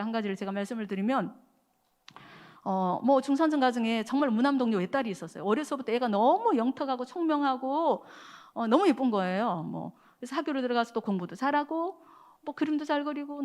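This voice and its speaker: A woman preaching to a church prayer meeting, telling a story in a conversational way with many small fillers and speaking straight to the congregation. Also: a little high. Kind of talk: sermon with storytelling.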